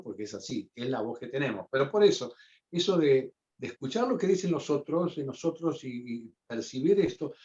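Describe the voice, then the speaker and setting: A man, leading a teacher training discussion and explaining calmly with many examples. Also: medium pitch. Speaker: course instructor. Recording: dull lo-fi sound.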